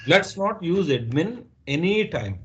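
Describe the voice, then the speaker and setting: A man's voice: on the high side, very animated, measured pace, lo-fi sound, slight background noise. Patient Indian man teaching class. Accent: Indian English. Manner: patient, repeats and checks understanding. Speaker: instructor. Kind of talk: live online class teaching.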